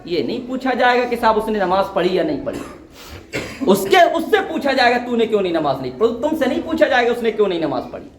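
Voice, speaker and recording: A man's voice: high-pitched, very animated, slight background noise. A man delivering an impassioned, pleading religious sermon to a gathering, calling his listeners his dear ones. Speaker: preacher. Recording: echoey hall.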